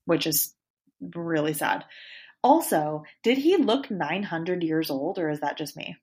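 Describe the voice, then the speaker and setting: Low-voiced woman podcast co-host. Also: measured pace, breathy edge. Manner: animated, acts out quotes from the show. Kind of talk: casual chat about a reality show.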